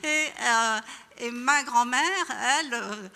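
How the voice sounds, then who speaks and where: A woman from Iran speaks at a public panel, pausing often and restarting her sentences. Her voice is high and bright, and it rings out with a long echo in a large hall. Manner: hesitant, many fillers and restarts. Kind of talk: spontaneous public talk. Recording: echoey hall.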